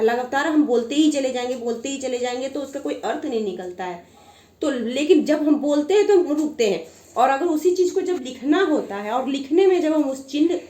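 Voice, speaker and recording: High-voiced woman teaching in an echoey room. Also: warm tone. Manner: explains slowly with many repetitions. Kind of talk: Hindi grammar lesson.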